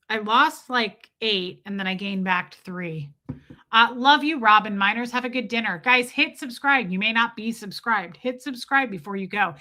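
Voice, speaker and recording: Pushed and bright, this woman's voice sits at a fairly high pitch. She's a livestream host from the Southern US near Nashville, speaking with a Southern accent as she casually reads comments, chats, answers viewers by name and frequently restarts.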